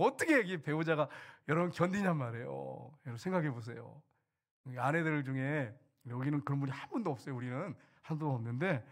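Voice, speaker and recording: A man's voice: fairly high pitch, a bit bright. A middle-aged male pastor giving a sermon in a church, conversational and questioning, acting out quoted voices. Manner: conversational preaching, asks the congregation questions, voices quoted speech. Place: church sanctuary pulpit.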